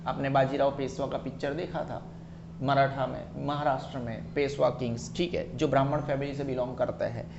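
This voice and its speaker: A male teacher giving a classroom lecture, explaining each term slowly and quizzing students to check they follow. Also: mid-range voice, little pitch movement, gravelly, lo-fi sound, noisy background. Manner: explains terms slowly, checks understanding with questions. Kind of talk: classroom lecture mixing Hindi and English.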